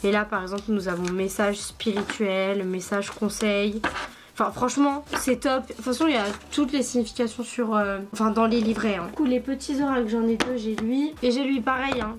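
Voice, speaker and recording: A woman's voice: fairly high pitch, fairly even intonation, fairly quick, background noise. A woman hosting a casual vlog about her card collection, chatty and gushing, with lots of fillers and asides. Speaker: cartomancy video host.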